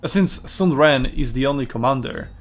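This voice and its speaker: A man's voice: medium pitch, normal speed. Man chatting through gameplay commentary. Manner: rambling, self-correcting, chatty with fillers. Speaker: gaming video host.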